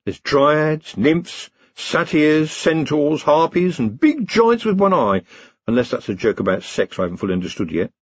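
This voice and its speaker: A man's voice: a little high, big pitch swings, normal speed, husky, no room sound, pitched above the performer's own voice. A man voicing a nervous, chatty wizard. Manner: chatty, evasive and wryly anxious. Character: nervous, wry male wizard. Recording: slightly dull, muffled recording.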